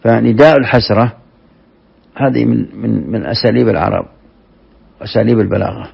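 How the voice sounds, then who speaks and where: A gravelly, husky man gives a measured classroom lesson, explaining scripture verse by verse and often restarting a phrase. The recording is dull and lo-fi, like an old lecture tape. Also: fairly low pitch. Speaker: Quran commentary teacher.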